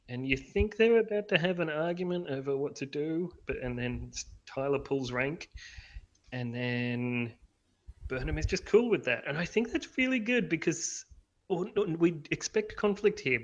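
Man, casual podcast chat, halting and self-deprecating, mid-pitched, slightly muffled lo-fi sound. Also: fairly bright tone. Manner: hesitant, many fillers and restarts, self-deprecating. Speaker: podcast co-host.

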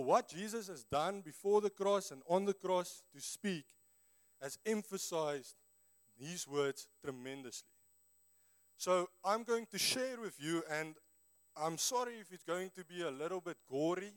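A man with a broad South African Afrikaans accent preaches informally to a church congregation in an earnest, conversational way, as a native Afrikaans speaker. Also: high-pitched.

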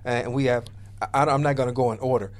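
A man's voice: mid-range voice, steady tone, quick pace. A man hosting a casual radio interview, often repeating words as he starts his phrases. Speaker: radio show host.

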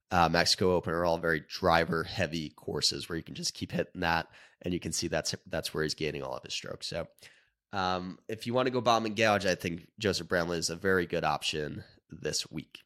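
A man's voice: low voice, fairly bright tone, no echo, studio quality. A man who is sick, hosting a golf betting show in a loose, casual monologue full of ums. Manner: loose, filler-heavy talk with frequent ums. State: sick, under the weather. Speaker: golf betting podcast host.

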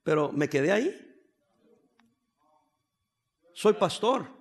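A man's voice: sits high, very animated, normal speed, breathy edge. A man, preaching a sermon as a pastor, joking and dropping in English phrases.

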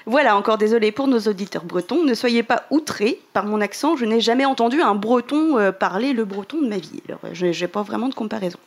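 A woman from Normandy presents a news segment on a fan podcast in a playful, self-mocking way. Her voice sits fairly high, and she teases herself as she goes. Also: brisk, few pauses.

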